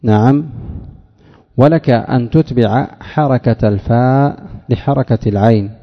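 A man teaching Arabic word morphology in a lecture, who asks his class questions, answers them himself and drags out example words slowly. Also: medium pitch. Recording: dull lo-fi recording with long hall reverb.

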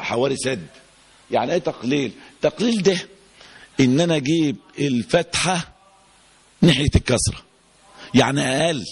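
Egyptian guy teaching quran recitation, gravelly husky voice, keeps quizzing the class and stretches words out slow. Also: mid-range voice. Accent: Egyptian Arabic. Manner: quizzing the class with repeated questions, drawing out example words slowly.

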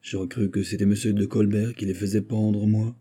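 A man voicing a seasoned, wary musketeer with gruff exclamations and dry asides in an audiobook. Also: lowish voice, little pitch movement, fairly quick, dark tone. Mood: wry. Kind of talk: audiobook character voice.

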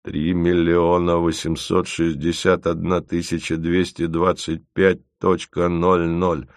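A man's voice: low voice, completely flat delivery, dry recording, clean studio sound. Man voicing a weary sardonic computer. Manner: measured, precise, sardonic. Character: weary sardonic male computer, clever and tired.

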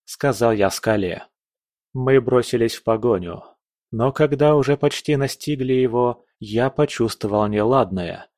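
Man narrating a fantasy audiobook, dry sound. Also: no echo. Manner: raises pitch and volume for shouted dialogue lines.

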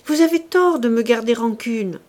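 A woman doing an easygoing middle-aged statesman, slow, falsely modest, audiobook figure. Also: on the high side, lively intonation, darkish tone, lightly acted. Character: powerful middle-aged male minister, falsely modest, good-natured.

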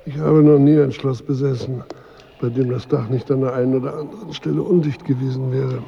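Radio drama king, male actor: irritable, pompous, world-weary, very dark gravelly tone, faint background noise. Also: medium pitch, fairly even intonation, brisk, lo-fi sound, close to an everyday voice. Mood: haughty irritation. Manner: pompous, formal, sardonic. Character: King Arthur, proud, irritable, world-weary husband and war leader. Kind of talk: literary radio drama acting.

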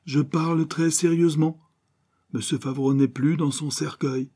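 A man voicing a scheming young adventuress who speaks smoothly and turns menacing. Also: on the high side, fairly even intonation, measured pace, mellow, voice pushed up. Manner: smooth, then harsh and threatening.

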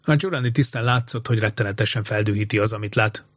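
A man narrating an audiobook story in an even, measured way. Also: lowish voice, no echo, clean studio sound.

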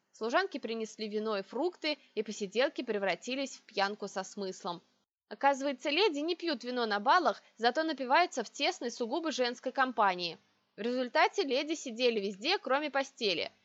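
A woman's voice: high voice, a bit bright. Wry woman narrating a fantasy audiobook. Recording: dry, slightly dull audio.

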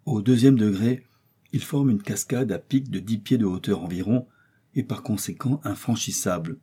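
Male audiobook narrator: measured, low, dark, slightly husky. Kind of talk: scripted narration.

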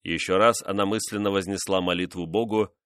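A man narrating a historical novel in a steady, dramatic reading. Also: low-pitched, fairly quick, clear, resonant tone, no echo, studio quality. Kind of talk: scripted audiobook narration.

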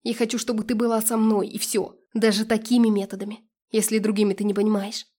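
Woman doing a pushy jealous ex guy, raised voice, mellow tone. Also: a little high, fairly even intonation, normal speed, natural voice. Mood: resentful. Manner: resentful, pushy. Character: jealous scheming ex-boyfriend, adult man. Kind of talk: audiobook reading.

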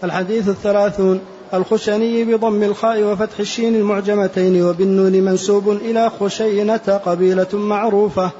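A man reading a classical text aloud to his teacher in a steady recitation, spelling out vowel markings word by word. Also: sits high, fairly quick. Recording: dull lo-fi lecture recording with faint hiss.

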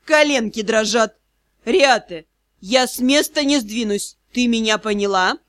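A woman's voice: a little high, unhurried, a bit bright, dry recording, clean studio sound. A woman voicing a stern, sarcastic male headmaster of a magic school who drawls threats and mockery. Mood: mocking. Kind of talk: audiobook character voice.

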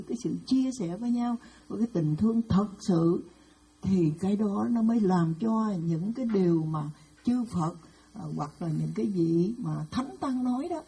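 A woman's voice: mid-range voice, mellow, slightly rough, rough recording. A woman Buddhist nun giving a dharma talk, telling stories with frequent hesitant fillers.

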